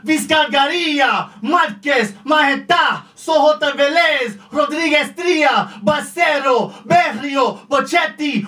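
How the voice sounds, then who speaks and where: A man performs slam poetry in an extremely high, raised voice. His delivery is impassioned and incantatory, breaking into forceful shouts. It is a live stage recording, picked up at some distance from the microphone. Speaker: spoken word poet. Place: live poetry event before an audience.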